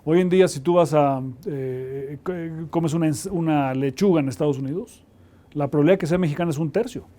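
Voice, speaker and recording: A man's voice: on the high side, fairly quick, warm tone. A man explaining in an interview, restarting his sentences now and then. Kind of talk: interview answer.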